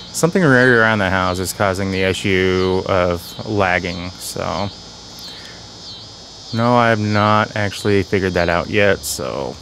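A man's voice: fairly low pitch, fairly bright tone, slight background noise. A man hosting casual game commentary, talking slightly off as he guards a sore, bitten tongue. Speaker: gaming channel host.

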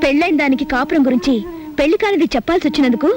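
An actress playing a fast, sharp-tongued young woman. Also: sits high, over music, natural voice. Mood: scolding. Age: young adult. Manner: quick, sharp retorts. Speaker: film actress. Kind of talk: film dialogue.

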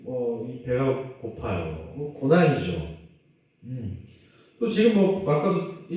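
Animated male pastor in an echoey hall. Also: fairly high pitch. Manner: animated, questions the children, acts out quotes. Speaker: children's pastor. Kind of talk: children's sermon. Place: church hall. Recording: very echoey room, mic at a distance.

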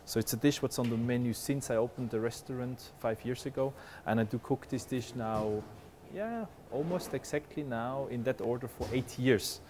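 In a large restaurant kitchen, a head chef in his 40s explains his dish while cooking, his medium-pitched voice moving at normal speed with hardly any pauses. He's relaxed and explanatory, saying "uh" a lot. A lapel mic records him, with a light hum in the background.

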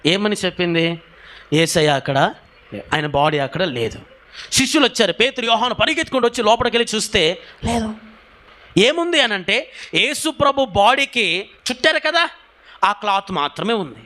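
A man preaching a sermon, telling a story with rhetorical questions and shouted hallelujahs. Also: high-pitched. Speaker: pastor.

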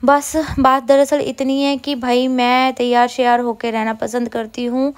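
Chatty high-voiced woman vlogger. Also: flat delivery, a little slow, clear, resonant tone. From India. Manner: chatty, rambling, frequent self-corrections. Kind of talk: casual chat while doing chores. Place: home.

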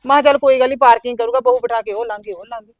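A woman's voice: a little high, steady tone, no echo, lightly acted. A middle-aged woman playing an aggrieved younger sister who rattles off complaints in a village family drama. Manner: complaining, rapid-fire grievances.

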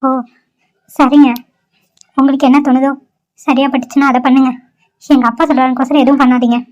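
A sad, despairing young woman in a homemade cartoon, voiced by a woman. Her voice is high and she speaks sorrowfully. The recording sounds dull and lo-fi. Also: little pitch movement, brisk, a little mellow, lightly acted. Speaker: cartoon character.

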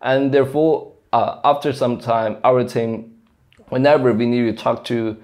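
Here a young Chinese man who vlogs about software engineering talks through his work to camera in English, his second language, carrying a Mandarin Chinese accent. The delivery is earnest but peppered with fillers and restarts, in a mid-range, darkish voice with a steady tone and measured pace. A lapel mic captures him in a small, plain indoor room, camera facing him.

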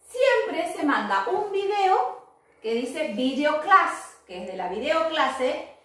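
A woman teaching kids English online, her high voice swooping up and down as she models words slowly and cheerfully. She sounds far from the mic in a very echoey room. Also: big pitch swings. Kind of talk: online class for children.

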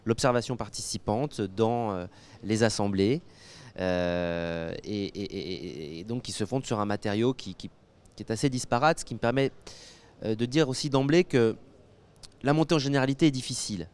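Holding a handheld mic at a convention interview set, this thirty-something geographer from France gives analytical expert answers. His delivery halts often, measured and full of pauses and repeated words, while his lowish voice sounds clean with a darkish tone.

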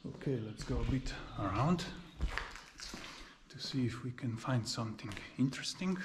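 A man in his thirties, a non-native English speaker, giving a calm running commentary as he walks through an abandoned mansion, filming himself with a handheld action camera. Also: mid-range voice, moderate pace, background noise. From former Yugoslavia. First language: Serbo-Croatian. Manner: explains calmly while exploring, slightly non-native phrasing. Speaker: travel vlogger. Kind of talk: casual walking tour commentary. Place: outdoors in a park, then inside an empty abandoned mansion. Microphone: action camera held at arm's length.

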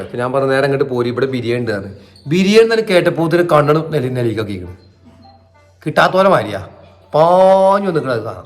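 A man with a Malabar Malayalam accent, chatting casually to camera as a family vlogger and joking with viewers. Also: on the high side. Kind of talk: casual vlog chat to camera.

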